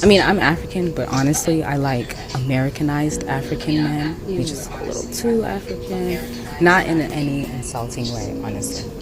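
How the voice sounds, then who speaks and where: A woman's voice: sits low, lively intonation, moderate pace, over music. A woman from Kenya and Ghana answering street-interview questions in a frank, hedging way.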